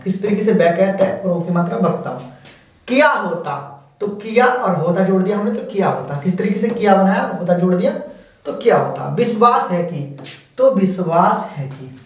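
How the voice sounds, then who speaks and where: Echoey Hindi shorthand teacher, distant mic. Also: male voice, high voice, expressive, moderate pace. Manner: patient, repetitive explaining. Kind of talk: step-by-step stenography lesson. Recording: very echoey room, mic far off.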